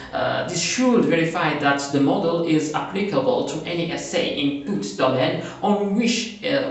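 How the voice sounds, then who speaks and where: His voice leans high as he presents prepared research in a very echoey room, captured by a distant mic. The Moroccan speaker, whose first language is Arabic, is halting, with frequent "uh" fillers and self-corrections.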